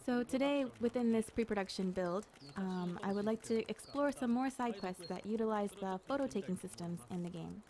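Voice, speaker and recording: A woman narrates a video game walkthrough in a casual, explanatory way, voicing a director's commentary in English. Her pitch sits in the middle of the usual female range. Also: normal speed, few pauses, warm tone.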